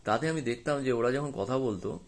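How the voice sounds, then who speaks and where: A man, a film director, explaining his choices to the camera in an unscripted way, with many pauses and hesitant fillers. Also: mid-range voice.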